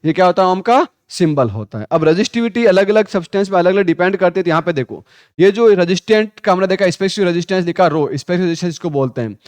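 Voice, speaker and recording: High-voiced Hindi physics teacher drilling students. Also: male voice, animated, a little mellow, no room sound. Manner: quizzes students, repeats answers, calls them 'beta'; reads English textbook lines slowly. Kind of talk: classroom lecture with call-and-response drills.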